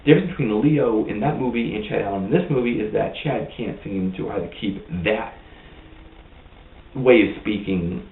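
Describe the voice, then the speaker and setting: Low voice guy ranting about a movie, kinda rambly, echoey room, tinny far mic. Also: slight background noise. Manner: blunt, opinionated, rambling. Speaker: movie reviewer. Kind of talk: casual vlog review.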